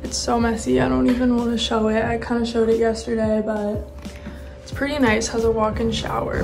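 A woman's voice: fairly high pitch, gravelly. A young woman in casual vlog chat, talking in a hotel room and saying "like" a lot. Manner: chatty, uses "like" often. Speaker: vlogger.

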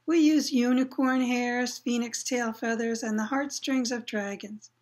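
A woman's voice: on the high side, natural voice. Woman doing Ollivander, an eerie old wandmaker. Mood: hushed, intent. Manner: quick shifts from murmuring to excited cries. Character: eccentric old male wandmaker, fussy and eerie.

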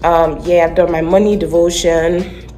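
A young woman in her twenties, a vlogger, chats casually to her phone camera held at arm's length in her home kitchen, rambling with plenty of fillers. Her voice is fairly low and dark-toned, with fairly even intonation and normal speed, and soft music plays in the background.

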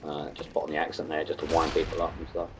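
A man's voice: very deep voice, monotone, fast, slight background noise, poor audio. A young British man giving casual, rambling commentary over his own gameplay, sarcastic about players who camp. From United Kingdom. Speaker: gaming commentator. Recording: game gunfire underneath.

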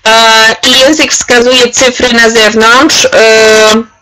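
A woman runs a live online workshop in a bright, forceful voice that sits fairly high. She talks slowly and deliberately, cheering participants on by name as she demonstrates. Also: little pitch movement, low-quality recording. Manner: chatty and encouraging, addresses participants by name. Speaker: trainer leading a webinar for teachers.

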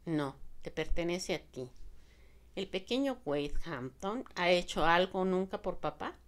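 A woman's voice: fairly low pitch, lively intonation, a little slow, pitched above the performer's own voice. A woman narrator voicing a proud, strong-willed young Southern woman who speaks firmly and insistently.

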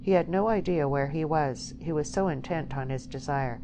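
A woman reading a novel aloud as an audiobook narrator, in a measured, even way. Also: deep voice. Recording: steady background hiss.

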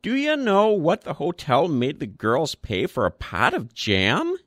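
Casting: man playing a frail old gent, thin piping quaver, high and rambling, storybook reading. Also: huge pitch swings, unhurried, fairly bright tone, dry recording, studio quality, full character voice. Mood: indignant. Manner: rambling, chatty.

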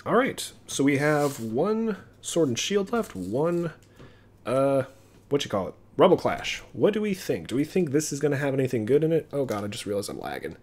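A man streaming himself opening trading card packs, chatting casually and getting excited over his pulls. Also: medium pitch, normal speed. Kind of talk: casual live-stream commentary.

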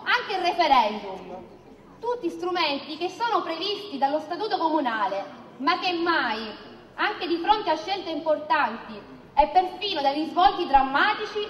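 A middle-aged woman giving an emphatic, scripted political rally speech in style, with oratorical repetition. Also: very high voice. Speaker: campaign speaker. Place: outdoor stage in a town square at night. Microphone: stand microphone at a podium. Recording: echoey outdoor public-address hall reverb.

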